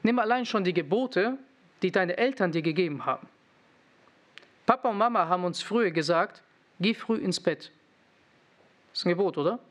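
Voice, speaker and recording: A man's voice: high voice, animated, fairly quick. A young man preaching a sermon, asking the congregation questions and teasing them with irony.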